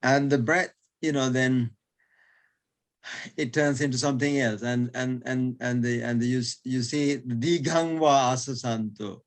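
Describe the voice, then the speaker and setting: A man's voice: mid-range voice, steady tone, a little slow. A male teacher explaining in an online lesson, hesitant, repeating words with many fillers and chuckling between points.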